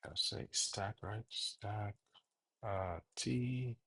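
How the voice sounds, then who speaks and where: Slow, gravelly man thinking aloud. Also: fairly low pitch, fairly bright tone. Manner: halting, thinks aloud with fillers and self-corrections. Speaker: programming tutor. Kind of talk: unscripted coding tutorial, thinking aloud.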